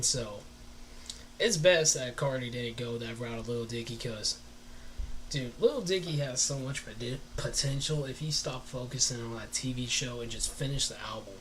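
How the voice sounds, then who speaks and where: A man's voice: mid-range voice, slight background noise, low-quality recording. A man talking casually on a live stream as he reviews an album, rambling loosely and swearing now and then.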